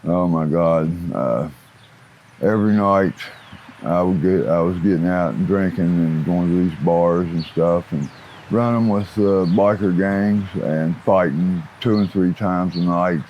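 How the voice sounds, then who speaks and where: A low-voiced Appalachian man in his fifties with a plain-spoken biker manner. He gives candid interview answers in rough, folksy grammar, with clear outdoor noise and birdsong around him. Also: a little slow, highs cut off. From West Virginia. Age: 50s. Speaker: interview guest, former biker gang associate. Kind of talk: candid interview answers about own life.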